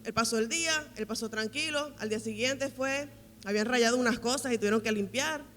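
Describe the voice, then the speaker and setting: Female pastor preaching with emphatic repetition; tense, bright delivery in an echoing church hall. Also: fairly high pitch, fairly quick, slight background noise. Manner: emphatic, repeats key phrases for weight. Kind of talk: sermon at a women's conference. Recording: reverberant hall with faint music.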